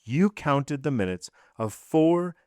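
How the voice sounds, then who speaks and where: A man's voice: a little high, big pitch swings, slow, warm tone, clear, resonant tone, no room sound, clean studio sound, pitched above the performer's own voice. A man reading aloud, voicing a stern magistrate who questions his wife in a blunt, commanding way. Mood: accusing. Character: cold, stern magistrate husband.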